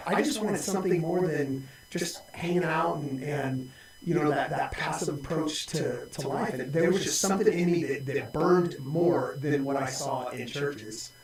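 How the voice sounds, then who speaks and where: A man's voice: on the high side, moderate pace. A man in his forties, a pastor, talking reflectively in casual conversation with many restarts. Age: 40s. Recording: very echoey room.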